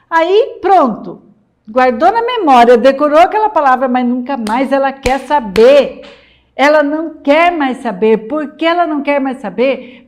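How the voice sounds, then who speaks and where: A middle-aged woman with a Brazilian accent, a literacy educator giving an emphatic lesson for mothers and repeating her key points. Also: high-pitched. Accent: Brazilian Portuguese. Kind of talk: talking-head lesson for mothers.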